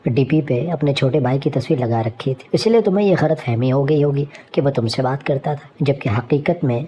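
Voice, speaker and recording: A deceitful older husband confessing in a flat, matter-of-fact way, as a woman reads his lines. The voice is dark and mellow, with a faint hiss of room noise under it. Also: rumbling low.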